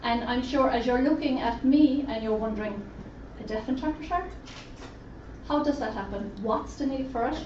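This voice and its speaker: A woman sign language interpreter voices a deaf presenter in the first person at a roundtable event in an echoey conference room. Her voice is a little high and darkish, at a moderate pace. The recording is roomy, distant, dull and lo-fi, with faint noise.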